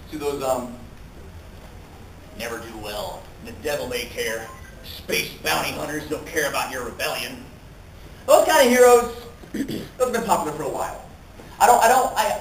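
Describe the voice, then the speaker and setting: A man speaking at a fan convention panel, animated and profane, laughing often and acting out quotes, recorded in an echoey hall from far off. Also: on the high side, a little hiss or hum.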